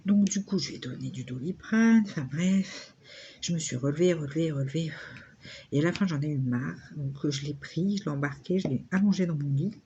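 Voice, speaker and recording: A woman's voice: sits low, fairly quick, warm tone, muffled recording, slight background noise. A woman in her thirties chatting casually and rambling with lots of fillers while she crafts at home. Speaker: vlogger.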